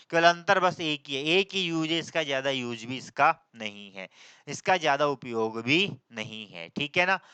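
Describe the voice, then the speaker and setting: A man teaching English grammar in a Hindi-English lesson, asking his class questions and answering them himself, and slowing to a dictating drawl as he writes. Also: mid-range voice, bright, forceful tone, smooth, no echo. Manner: slows to a dictating drawl while writing.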